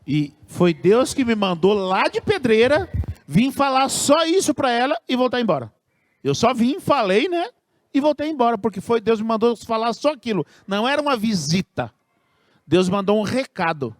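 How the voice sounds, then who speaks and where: A man preaching with a strikingly high voice that rises and falls a lot. He speaks earnestly and with emphasis, pressing down on key words. The sound is dry and close. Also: big pitch swings, dry recording. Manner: earnest, emphatic preaching with slow stressed phrases. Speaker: pastor. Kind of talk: sermon.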